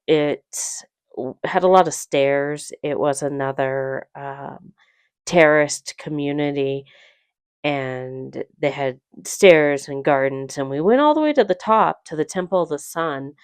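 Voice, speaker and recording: Low, slow woman narrating a trip. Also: darkish tone, clean tone, dry recording, studio quality. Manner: rambling, unsure of place names. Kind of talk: casual travel voice-over.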